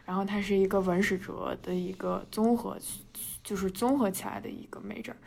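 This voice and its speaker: A woman's voice: medium pitch, fairly even intonation, brisk, gravelly, darkish tone, a little hiss or hum. A Chinese woman, chatting as a podcast co-host, laughing often, padding her talk with fillers and mixing in English words. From China. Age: 20s. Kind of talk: casual storytelling chat.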